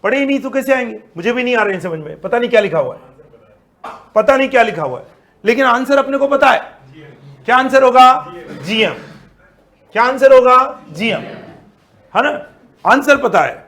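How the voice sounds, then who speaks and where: A male statistics teacher, lecturing an online class, lively and asking then answering his own questions. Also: extremely high pitch, normal speed, pauses often. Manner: mixes Hindi with English terms.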